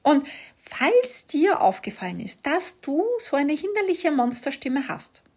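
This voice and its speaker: A woman giving a gentle, encouraging lesson, often asking her listener questions. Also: high voice, sing-song, a little slow. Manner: warm, encouraging, asks many rhetorical questions. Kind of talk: gentle instructive talk to one listener.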